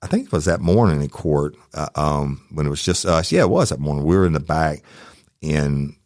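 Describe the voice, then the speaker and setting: A man's voice: a bass voice, expressive, brisk, darkish tone, no echo, clean studio sound. A man hosting a true crime podcast, telling a story in a casual, profane and heated way.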